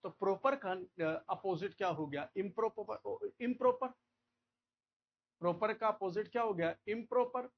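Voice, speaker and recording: A man from India teaching a vocabulary lecture, repeating key words and checking understanding with quick questions. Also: sits high, lo-fi sound.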